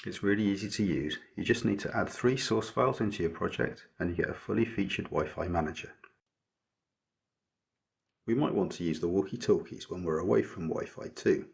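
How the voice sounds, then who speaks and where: A maker presents an electronics project in a scripted tutorial, his low, creaky voice very husky and breathy-rough rather than smooth. He walks through each step methodically in a measured, explanatory way.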